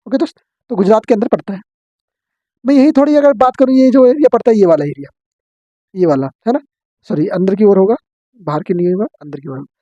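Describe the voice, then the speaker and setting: A man teaching an exam-prep geography lesson, drilling his students with quick questions and answers. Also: high voice, warm tone, no echo, muffled recording.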